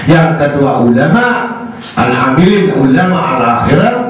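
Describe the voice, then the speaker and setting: A man preaching an Islamic sermon to a women's group, asking the audience rhetorical questions in a swooping, animated delivery. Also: on the high side, normal speed. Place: prayer hall. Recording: very echoey hall, voice from far off, faint hiss.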